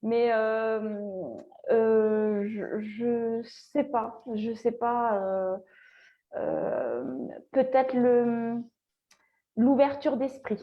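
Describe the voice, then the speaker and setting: A woman's voice: on the high side, very slow, highs cut off. A woman farmer answering a panel question hesitantly, searching for her words.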